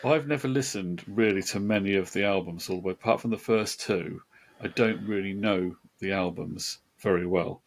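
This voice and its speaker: On a casual music podcast, a male co-host speaks hesitantly, hunting for words and restarting often. His voice is low and his speed normal.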